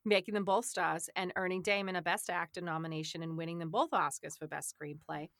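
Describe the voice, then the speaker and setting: A woman's voice: lowish voice, steady tone, a little fast, fairly bright tone, no room sound, studio quality. A woman co-hosting a podcast, reading trivia aloud and chatting about it casually, laughing often. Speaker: podcast co-host.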